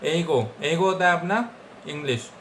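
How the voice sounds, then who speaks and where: A man's voice: fairly high pitch, moderate pace, a bit bright, a little hiss or hum. A young man from India teaching Japanese vocabulary in a casual Hindi lesson, repeating each word several times and checking in with "theek hai guys".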